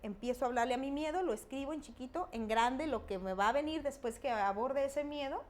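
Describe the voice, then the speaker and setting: A middle-aged woman, talking reflectively as a guest expert, with pauses and fillers. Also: high voice. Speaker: guest expert on emotions and fear. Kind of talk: conversational explaining.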